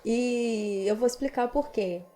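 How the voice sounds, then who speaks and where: A woman's voice: on the high side, takes it slowly, mellow. A woman singing teacher with a Brazilian accent, patiently explaining vocal technique in a casual podcast chat. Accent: Brazilian Portuguese.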